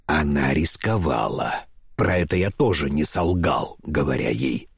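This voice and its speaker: A man reading a novel aloud in the first person, impassioned, swinging from fervent outbursts to a low confessional tone. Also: lively intonation, unhurried, gravelly, slightly rough, no room sound, studio quality. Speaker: audiobook reader.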